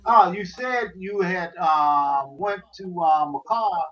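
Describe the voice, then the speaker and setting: A man chatting casually in a halting way, often repeating his words, over a dull online call. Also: high-pitched, lively intonation. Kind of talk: casual chat.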